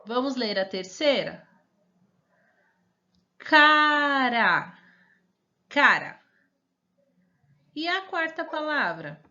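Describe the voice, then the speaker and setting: Teaching little kids remotely, this Brazilian Portuguese-accented woman stretches each word out syllable by syllable and coaxes them with questions. Her voice is high, bright and forceful, with big pitch swings, captured in lo-fi audio.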